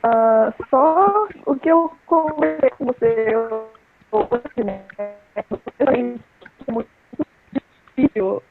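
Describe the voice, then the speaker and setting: A woman in a casual online group talk whose audio keeps cutting out, speaking in halting, stretched-out words. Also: fairly high pitch, animated, vocal fry, faint music behind. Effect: choppy audio that keeps cutting out. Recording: tinny, breaking-up online call line.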